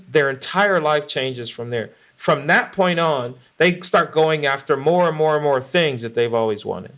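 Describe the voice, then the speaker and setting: A man's voice: on the high side, a bit bright. A man co-hosting a podcast in casual chat, blunt and salty, often saying "you know what I mean". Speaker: podcast co-host.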